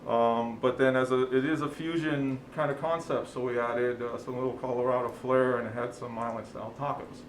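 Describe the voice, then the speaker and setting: A man's voice: mid-range voice, fairly even intonation, moderate pace, few pauses, reverberant, slight background noise, rough recording. A man from Chile, a restaurant owner, chatting in an interview in a friendly, rambling way with many ums and uhs. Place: TV studio.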